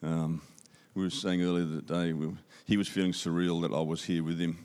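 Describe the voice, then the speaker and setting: Speaking into a handheld mic in a church auditorium, an Australian man preaches as a guest speaker, upbeat and conversational, returning to key phrases for emphasis. His low voice is level in tone, a little mellow, and fairly quick.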